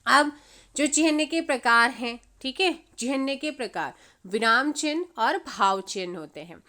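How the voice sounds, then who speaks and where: A woman's voice: high voice, expressive, unhurried, pushed and bright. A woman teaching an exam-prep grammar lesson, mixing in English words and quizzing viewers with questions she answers herself. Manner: repeats her own questions and answers them, quizzing viewers; mixes English words into her speech.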